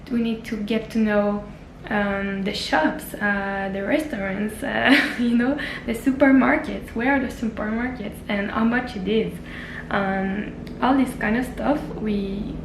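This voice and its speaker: In an echoey room with background noise, a young travel vlogger speaks in a slightly high voice. French is her first language, and her casual personal vlog talk is earnest, full of fillers and frequent sentence restarts.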